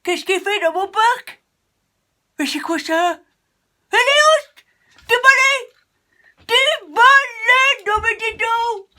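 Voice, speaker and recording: A woman voicing a gruff, irritable male park keeper who barks indignant shouts in a storybook tale. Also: extremely high pitch, takes it slowly, pauses often, pitched above the performer's own voice, exaggerated voice.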